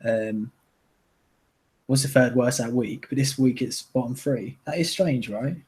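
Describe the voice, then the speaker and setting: A man's voice: mid-range voice, measured pace, darkish tone. A young man hosting a live stream, chatting casually and giving strong opinions with lots of fillers. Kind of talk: casual chat.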